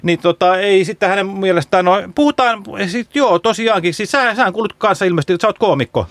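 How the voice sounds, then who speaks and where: High-voiced rambling radio host man. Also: animated, a bit bright, no echo. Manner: rambling, halting, full of restarts. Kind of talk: casual radio chat.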